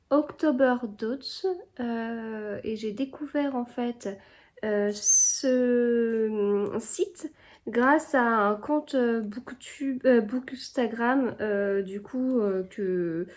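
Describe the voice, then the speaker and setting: Woman, vlogger, casual home chat, slightly high voice, hesitant, many fillers. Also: a little mellow. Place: home indoors.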